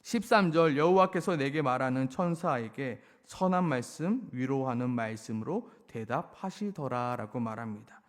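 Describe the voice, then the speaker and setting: A man preaching a sermon with impassioned delivery, acting out pleading questions and then dropping his voice low. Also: expressive, normal speed, hardly any pauses, long reverb tail. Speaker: pastor.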